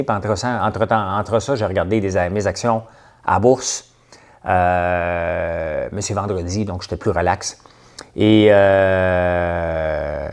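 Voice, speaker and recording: Here a Québécois livestream host talks casually at a fairly low pitch, his tone darkish. He rambles, stopping and starting with frequent hesitations.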